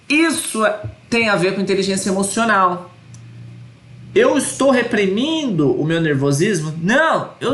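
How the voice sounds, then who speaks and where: A man's voice: high voice, fairly bright tone, reverberant. A man teaching an online course lecture, earnest and repeating his points with tag questions.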